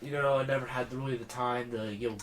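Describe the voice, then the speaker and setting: A man's voice: mid-range voice, fairly even intonation, fast talker. A young man co-hosting a casual gaming podcast, stuttering and filling with "you know". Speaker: podcast co-host. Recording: faint background noise.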